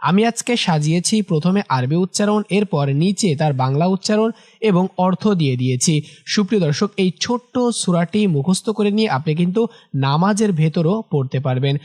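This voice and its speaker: A Quran recitation teacher who chants each phrase slowly and repeats it for listeners to echo, then explains pronunciation points in plain speech. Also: mid-range voice, lively intonation, a little mellow. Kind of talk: recitation lesson for viewers.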